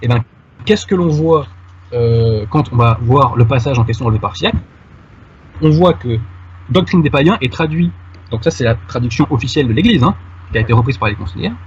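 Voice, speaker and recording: A man's voice: medium pitch, expressive, a little fast, darkish tone, muffled recording, a little hiss or hum. A man making a detailed argument in conversation with a host, addressing him familiarly. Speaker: guest commentator. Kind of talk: conversational argument on a radio-style show.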